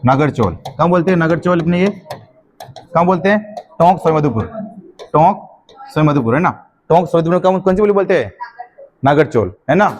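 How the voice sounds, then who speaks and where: A man's voice: fairly high pitch, expressive, brisk, pauses often, a little hiss or hum. A teacher dictating notes in a classroom lecture, often quizzing his students with a question and then answering it himself.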